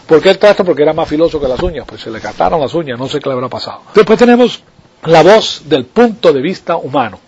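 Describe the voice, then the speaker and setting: A man's voice: a little high, animated, fast talker, a little mellow, slight background noise. A man preaching a sermon in a conversational way, often checking with his listeners for agreement. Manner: conversational, asks the listeners for assent. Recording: dull lo-fi recording.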